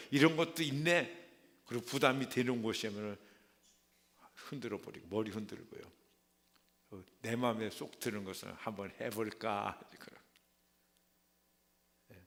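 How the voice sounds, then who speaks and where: A man preaching a dramatic sermon in a church, asking the congregation question after question and acting out the voices he quotes. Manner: dramatic, acts out quoted voices with big swings in pitch and loudness; asks the congregation rhetorical questions. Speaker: pastor. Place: large church sanctuary. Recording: long hall reverb.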